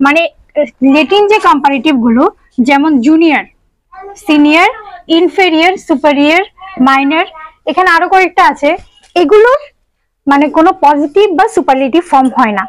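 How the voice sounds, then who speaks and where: High-voiced woman teaching grammar. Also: moderate pace, long pauses, dry recording, poor audio. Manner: explains step by step, asks students questions; mixes English terms into speech. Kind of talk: online grammar lesson.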